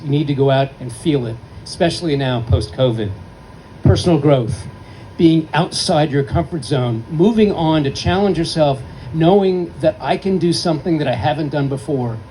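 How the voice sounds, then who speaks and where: A man's voice: fairly high pitch, dark tone, a little hiss or hum, low-quality recording. Earnest man giving an acceptance speech. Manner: earnest, heartfelt, emphatic list-making. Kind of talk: formal acceptance speech with storytelling. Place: award ceremony event.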